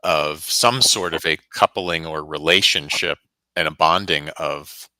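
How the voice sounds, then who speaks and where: A man giving a calm, reflective intuitive reading in easy conversation, laughing now and then. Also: very deep voice, unhurried, no room sound, low-quality recording. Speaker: spiritual reader guest.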